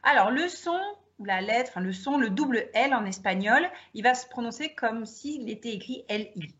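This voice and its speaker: A woman's voice: on the high side, animated, moderate pace, fairly bright tone, dull audio. A woman teacher guiding a partner through pronunciation examples, prompting her to speak. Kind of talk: classroom demonstration dialogue.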